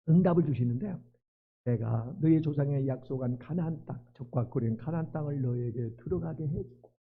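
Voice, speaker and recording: A male pastor delivers a sermon in a high, strongly animated voice with a husky edge. He drops to hushed pleading and then rises to loud, fervent cries. The sound is thin and tinny, like a phone line.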